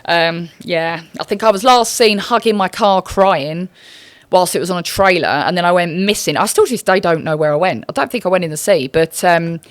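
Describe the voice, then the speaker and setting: A woman's voice: on the low side, fairly quick, no echo. A British woman chatting casually as a podcast guest, swearing freely, poking fun at herself and acting out what people said. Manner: sweary, self-mocking, acts out quoted speech. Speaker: interview guest, racing team member. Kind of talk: casual podcast anecdote telling.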